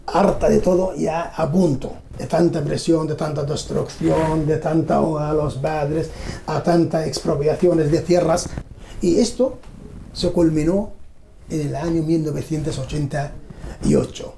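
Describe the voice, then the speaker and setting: Middle-aged man, dark gravelly tone, slow halting testimony, roomy echo. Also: a little high, steady tone. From Palestine. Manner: measured, halting, with pauses. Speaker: documentary interviewee. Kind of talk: personal testimony. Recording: roomy echo, faint background hum.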